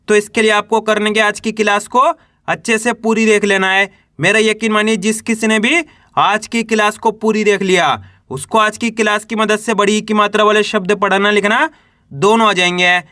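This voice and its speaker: A man's voice: high voice, sharp tone, dry recording, clean studio sound. A man teaching how to read words, step by step, asking questions and answering them himself as he drills each syllable. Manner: repetitive drilling, asks and answers his own questions. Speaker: Hindi reading teacher. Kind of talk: step-by-step classroom lesson.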